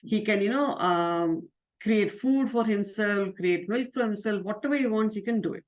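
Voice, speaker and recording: A woman, a spiritual teacher telling a moral story to children, gentle and questioning with many fillers. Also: medium pitch, normal speed.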